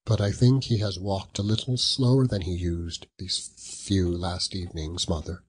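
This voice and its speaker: A man's voice: deep voice, fairly even intonation, moderate pace, slightly rough. A man reading a storybook voices an earnest young son of a poor family.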